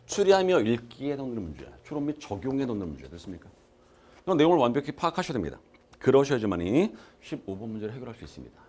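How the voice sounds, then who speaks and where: A man's voice: medium pitch, husky. A male exam-prep lecturer giving a recorded class. He talks emphatically, asks his students questions and answers them himself, and repeats key terms to drill them. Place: lecture room.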